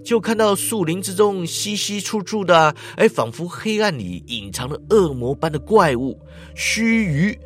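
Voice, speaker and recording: Animated male storyteller. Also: high voice. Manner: lively, with drawn-out particles and sound effects. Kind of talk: dramatic story narration.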